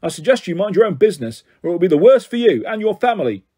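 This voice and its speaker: A man's voice: sits high, big pitch swings, racing, dark tone, slightly rough, pitched above the performer's own voice, heavily acted. A man voicing a sneering, hostile male policeman who accuses and threatens.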